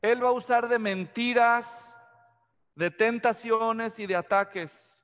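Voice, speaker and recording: A man's voice: extremely high pitch, slow, a bit bright, big-room sound. A man from Mexico preaching an expository sermon, often asking the congregation questions. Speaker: pastor.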